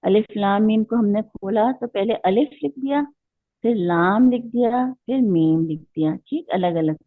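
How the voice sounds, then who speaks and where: Speaking at medium pitch and a little slowly, a woman leads an online lecture on Quran recitation, going through the rules patiently one step at a time and putting questions to her students. The recording is dry and comes through a tinny, phone-like line.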